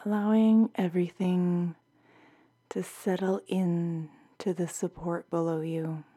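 A woman with a lowish, very mellow voice narrates a bedtime sleep meditation. She speaks very slowly and softly, often slipping into a breathy near-whisper, in the soothing manner of a sleep story narrator. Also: flat delivery. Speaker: meditation guide.

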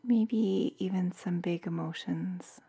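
A woman guiding a bedtime meditation in a soft, soothing, half-whispered voice, like a sleep story narrator. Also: lowish voice, takes it slowly, gravelly, husky. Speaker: meditation guide.

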